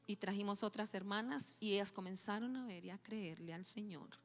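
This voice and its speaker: A woman pastor preaching a sermon, telling a story with lively acted-out dialogue. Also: mid-range voice, a little fast. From Colombia. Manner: animated storytelling, acting out dialogue. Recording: long hall reverb with faint music.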